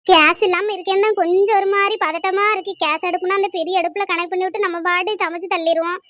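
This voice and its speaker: A woman's voice: extremely high pitch, steady tone, fast, a bit bright, no echo, clean studio sound. A woman voicing a chatty young village woman in a cartoon. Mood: nervous. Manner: eager, chatty, listing details. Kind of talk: cartoon voice acting.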